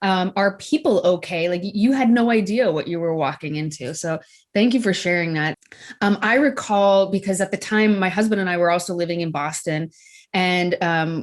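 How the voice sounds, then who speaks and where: A woman's voice: fairly low pitch, normal speed. A woman hosting an interview, responding reflectively and with empathy to her guest. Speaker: interviewer, podcast host. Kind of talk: conversational interview.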